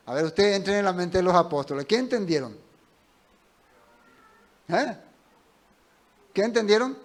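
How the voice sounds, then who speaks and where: A male pastor gives a conversational Bible teaching, asking his listeners questions as he goes. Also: high-pitched. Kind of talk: sermon.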